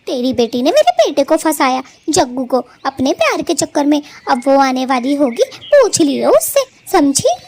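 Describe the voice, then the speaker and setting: A woman voicing a proud female bird in a cartoon who taunts and scolds in a shrill voice. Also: sing-song, moderate pace, few pauses, darkish tone, slight background noise. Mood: scornful. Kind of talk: Hindi cartoon voice acting.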